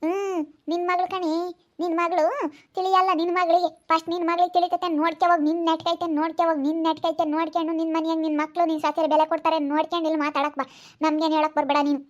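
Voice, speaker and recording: A loud, quarrelsome village wife, played by a woman, hurls scolding retorts. Her voice sits very high and the words tumble out fast. She is a comedy-drama character who never backs down. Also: flat delivery, highs cut off. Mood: quarrelling. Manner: scolding, quick and combative.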